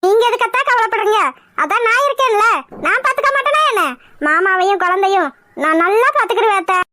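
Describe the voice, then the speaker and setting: A woman voices a young bride-to-be in a cartoon whose coaxing is sweet but false. The very high voice is recorded close and dry. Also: quick pace, pushed and bright, no room sound. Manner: sugary, coaxing.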